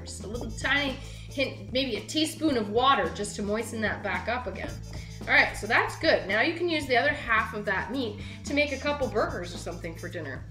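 Woman, young, high voice, chatty cooking host, echoey kitchen, music behind. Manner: chatty, upbeat, talks straight to the viewer. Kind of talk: casual cooking demonstration. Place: home kitchen, indoors.

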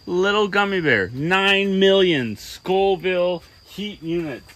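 A young man co-hosting a hot-food challenge, bantering casually, yelling, swearing and laughing a lot. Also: sits high, animated, slow pace.

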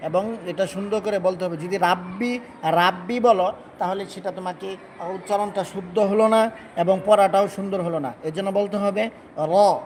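A man's voice: sits high, steady tone, moderate pace, a little hiss or hum. A man teaching Quran pronunciation in a live stream, stretching out and repeating each letter sound for students to copy.

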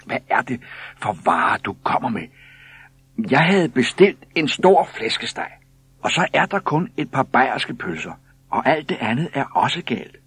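A man voicing shrill, scolding island housewives in a storybook reading, high and loud. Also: big pitch swings, slightly rough, no room sound, exaggerated voice.

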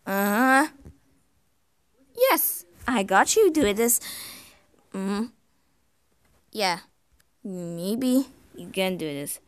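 A woman narrating and hosting a fan-made cartoon in halting, broken phrasing. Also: medium pitch, big pitch swings, clear, resonant tone, no echo. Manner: halting, ungrammatical phrasing with fillers.

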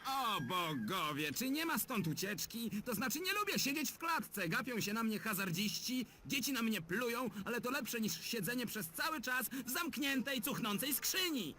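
A man's voice: extremely high pitch, sing-song, moderate pace, hardly any pauses, pushed and bright, a little hiss or hum, full character voice. An actor voicing a sarcastic, sulky talking male bird in a dubbed adventure game. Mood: grumpy. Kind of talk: game dub voice acting.

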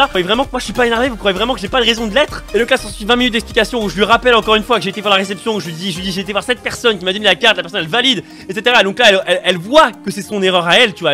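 A young man telling a story on his vlog, animated and slangy, acting out the people in it. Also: high voice. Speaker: vlogger.

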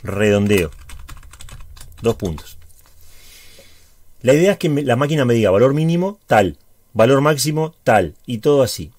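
A man with a Uruguayan Spanish accent, a high school teacher giving a chatty spreadsheet tutorial, explaining step by step and checking in with the viewer often. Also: animated, normal speed, long pauses, a little mellow, dry recording.

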